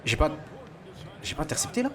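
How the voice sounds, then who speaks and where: A man's voice: a little fast, crowd noise. A young man, a gaming streamer, commentating his basketball game in casual, boastful, slangy trash talk aimed at his viewers.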